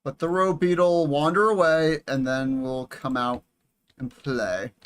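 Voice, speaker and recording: A young man giving casual, excitable commentary over a strategy game, swearing and chatting with viewers. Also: fairly high pitch, unhurried, smooth. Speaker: gaming YouTuber.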